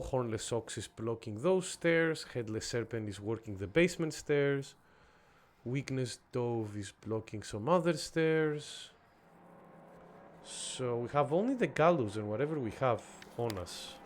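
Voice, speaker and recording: A young Greek man streams a horror game, chatting casually with his viewers and reacting as he plays. His medium-pitched voice is animated and a little slow.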